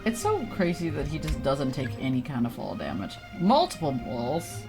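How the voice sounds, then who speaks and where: With game music in the background of an indoor stream, a young adult talks casually while gaming, poking fun at themselves. Their medium-pitched voice swoops wildly and moves at a moderate pace over the music.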